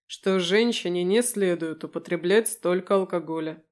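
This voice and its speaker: A woman voicing a calm, dry-witted male werewolf in an audiobook, speaking curtly. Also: fairly low pitch, moderate pace, lightly acted. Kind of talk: audiobook character voice.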